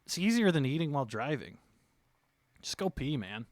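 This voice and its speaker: A man's voice: on the high side, very animated, normal speed, dry recording. A man talking casually as a streaming game master, in a rambling, joking manner.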